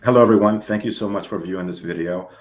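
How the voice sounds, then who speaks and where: Low-voiced upbeat male host in a roomy space. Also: fast. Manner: upbeat, repeats words for emphasis. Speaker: host and filmmaker. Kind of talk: casual interview.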